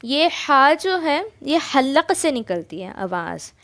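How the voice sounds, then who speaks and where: A woman teaching Quran reading, who patiently explains each letter and recites slowly in long drawn-out sounds. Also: sits high, sing-song, a bit bright. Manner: explains step by step, often checks in. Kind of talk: patient spoken lesson.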